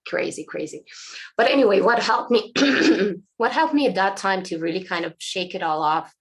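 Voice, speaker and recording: A woman from Eastern Europe telling her story frankly as an interview guest, halting, losing her voice and clearing her throat. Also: medium pitch. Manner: frank, halting, many restarts. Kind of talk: candid personal storytelling.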